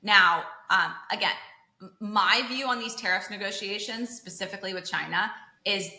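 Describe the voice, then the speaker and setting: A podcast host in her thirties explains finance in a chatty, casual way, full of asides and "like." Her mid-range voice moves at a moderate pace and sounds pushed and bright in an echoey room.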